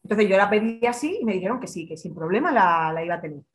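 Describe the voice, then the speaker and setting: A woman's voice: mid-range voice, expressive, quick pace. A young adult woman from Extremadura, a podcast guest who tells her story in a casual interview and acts out her own past words. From Extremadura, Spain.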